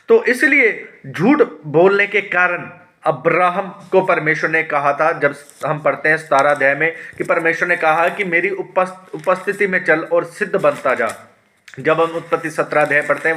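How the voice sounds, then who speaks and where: A man's voice: a little high, bright, forceful tone. A pastor teaching a Bible study who reads verses aloud, then asks questions and answers them himself, often calling his listeners his dear ones.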